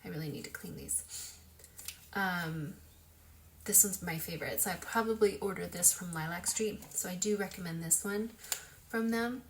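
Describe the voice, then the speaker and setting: A woman's voice: lowish voice, lively intonation, moderate pace, slight background noise. A young woman chatting casually while showing a makeup routine at home, talking as she works and poking fun at herself. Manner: chatty, self-deprecating, talks while working. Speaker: makeup vlogger. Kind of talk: casual tutorial chat.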